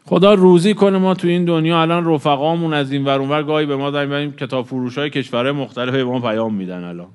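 A man preaching an emotional mourning sermon, drawing out chanted verses slowly and swinging between swelling loudness and a hushed voice. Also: fairly high pitch, fairly even intonation, smooth. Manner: emotional, swells louder then drops to a hush; draws out recited lines slowly.

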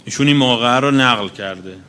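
A man delivering a sermon in a bright, forceful voice. He recites Arabic passages and then explains each one in everyday speech. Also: medium pitch, clear, resonant tone. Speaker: cleric. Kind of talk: religious sermon.

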